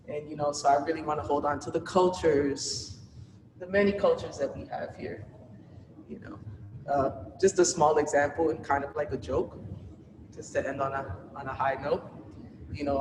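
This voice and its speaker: A New York artist exhibiting her work gives a casual talk inside an art gallery, rambling loosely and leaning heavily on filler words. Her voice is low-pitched, picked up from far off in an echoey hall with background noise.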